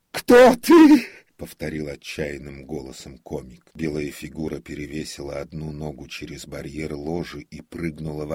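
Very deep husky male narrator. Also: a little mellow, dry recording, clean studio sound. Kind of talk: audiobook reading of classic prose.

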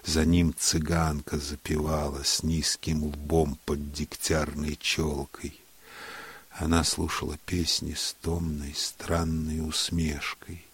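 Very deep, husky male narrator. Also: flat delivery. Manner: hushed, unhurried, sometimes sinks to a whisper. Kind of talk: literary reading.

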